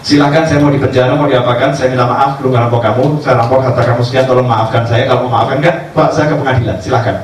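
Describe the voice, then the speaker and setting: Animated male preacher, echoey and distant. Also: mid-range voice, racing, few pauses. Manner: animated storyteller acting out dialogue. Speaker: religious teacher. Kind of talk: sermon storytelling. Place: cafe gathering. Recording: echoey distant room recording, faint background noise.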